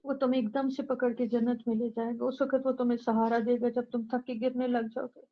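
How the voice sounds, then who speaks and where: A woman delivers a Quran lecture in an urgent, exhorting way, driving her points home through repetition. Her voice sits fairly high. The recording is dull and lo-fi. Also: level tone, fairly quick. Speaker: Quran teacher.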